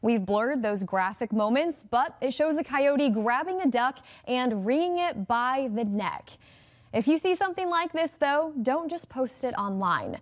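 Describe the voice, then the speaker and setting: A woman anchoring a local TV newscast, reading scripted stories with a brisk, upbeat delivery. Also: high voice, animated. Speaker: news anchor.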